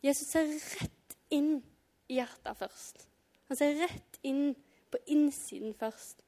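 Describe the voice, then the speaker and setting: A woman's voice: high voice, warm tone. Chatty woman preaching. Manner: casual and chatty, acts out reactions. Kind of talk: informal devotional talk.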